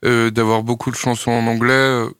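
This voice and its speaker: A young French singer-songwriter answers questions in a radio interview, sounding thoughtful and hesitant, with many pauses and fillers. His voice has a medium pitch, flat delivery and a fairly bright, clean tone. The studio sound is clean, without echo.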